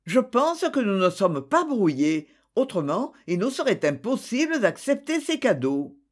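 A reader voicing a composed, gentle bourgeois mother who speaks in a measured, polite way in a storybook. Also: medium pitch, sing-song.

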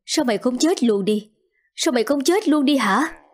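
A woman's voice: on the high side, lively intonation, moderate pace, darkish tone. A woman voicing a grieving, furious mother who screams curses at her daughter. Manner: shrieking, cursing, sobbing.

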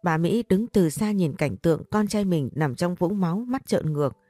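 A woman narrating a story in a steady reading voice. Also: fairly low pitch, moderate pace, no room sound. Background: faint music.

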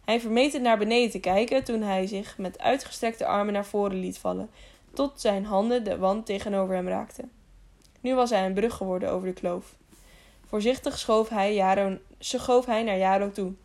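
A woman narrating an adventure audiobook in a steady storytelling voice. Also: medium pitch, moderate pace. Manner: even storytelling with small slips and restarts. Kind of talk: scripted narration.

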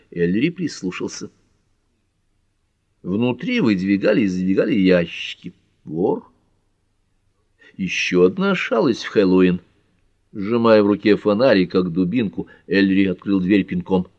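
A man with a lowish voice narrates a detective audiobook at a measured pace. The recording is close and dry, with a dull, lo-fi sound. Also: darkish tone, no echo. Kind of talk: scripted narration.

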